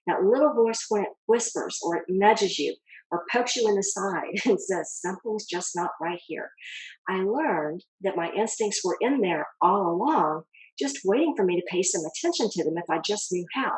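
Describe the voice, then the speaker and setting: A woman giving a calm motivational talk as a self-help speaker, coaching the listener directly and asking rhetorical questions. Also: medium pitch, husky, low-quality recording.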